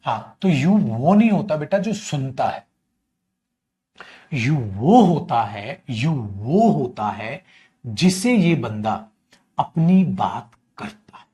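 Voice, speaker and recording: A man's voice: mid-range voice, sing-song, slow, mellow. A man teaching an online grammar class, calling his students "my child" and repeating his key points.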